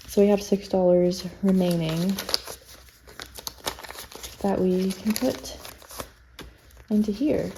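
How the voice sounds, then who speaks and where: A woman's voice: fairly low pitch, vocal fry, background noise. A woman, slightly out of breath, chatting casually and self-deprecatingly as she stuffs cash into budget envelopes. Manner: chatty, self-deprecating, counts bills under her breath. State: a little out of breath. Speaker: budgeting vlogger.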